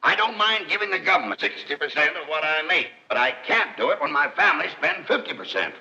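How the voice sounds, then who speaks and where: An actor playing an exasperated middle-aged wealthy father, gruff and blustering, on an old 1930s film soundtrack. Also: a little high, big pitch swings, fast talker, bright, forceful tone, muffled recording, full character voice.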